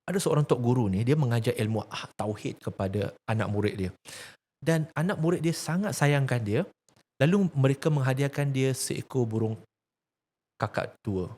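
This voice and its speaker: Speaking at a moderate pace in an expressive, mid-range, somewhat mellow voice, a Malaysian-accented religious activist preaches emphatically about faith. He asks rhetorical questions and shares a story meant to teach.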